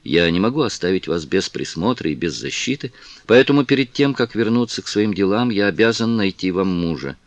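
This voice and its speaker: A composed aristocratic gentleman, read by a man with a deep, low voice, unhurried and measured. The sound is dry and close, with no room around it. He talks with calm authority, the way a storybook lord would. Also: no room sound. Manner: slow, measured, condescending calm. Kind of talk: audiobook character reading.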